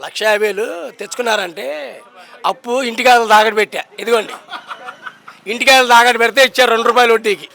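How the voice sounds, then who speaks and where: A man's voice: extremely high pitch, fairly even intonation, fast talker, long pauses, bright, forceful tone. Fiery young man. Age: young adult. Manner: emphatic, combative, keeps repeating rhetorical questions. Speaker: interviewee in a street poll. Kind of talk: impassioned political street talk.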